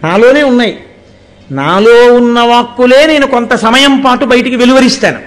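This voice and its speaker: High-voiced man giving a sermon. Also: moderate pace. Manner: explains through rhetorical questions and recited verses. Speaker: religious discourse speaker. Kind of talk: devotional sermon.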